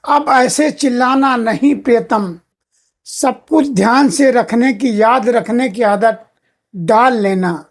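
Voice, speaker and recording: A woman voicing the soul of an older wife saying a slow, repeated farewell to her husband in an emotional moral monologue. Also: a little high. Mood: tender pleading. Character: departing soul of an older wife, tender, pleading.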